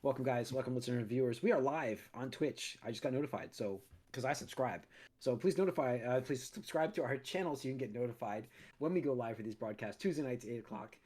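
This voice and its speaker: A man hosts a casual podcast chat at his studio mic, his mid-range voice slightly raspy as he recovers from a cold. He talks fast with a somewhat mellow tone, rambling along and constantly restarting, dropping in plenty of fillers.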